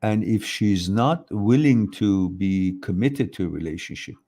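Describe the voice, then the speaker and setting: A man's voice: fairly low pitch, a little slow, mellow. A man hosting a live chat, giving opinionated, rambling advice and reading out viewer questions. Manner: opinionated, rambling, acts out quoted voices. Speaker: host answering viewer questions.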